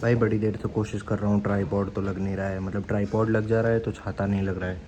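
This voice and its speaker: A man's voice: fairly low pitch, little pitch movement, quick pace, dark tone, slight background noise. A young man vlogging and telling a story in a casual, chatty way, mixing in English phrases. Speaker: fitness vlogger.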